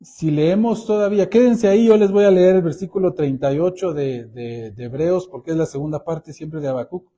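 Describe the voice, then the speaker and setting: Calling his audience brothers, this preacher works through Bible verses deliberately in a teaching sermon. His voice is mellow and on the high side.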